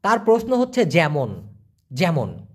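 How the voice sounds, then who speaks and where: A man giving an online language lesson, answering viewer questions and slowly repeating foreign words for pronunciation. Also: on the high side, wildly swooping pitch, breathy edge. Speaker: language teacher.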